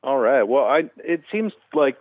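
A man's voice: medium pitch, sing-song, measured pace, no echo. A man calling in to a talk show over the phone, asking his question in an easygoing, slightly hesitant way. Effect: heard over the phone. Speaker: caller. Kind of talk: casual call-in question. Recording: tinny phone line.

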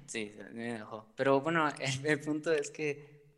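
A man's voice: medium pitch, takes it slowly, fairly bright tone. A man who is a guest on a talk show, speaking about his feelings hesitantly, with many fillers and nervous laughs. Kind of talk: conversational personal talk. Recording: long reverb.

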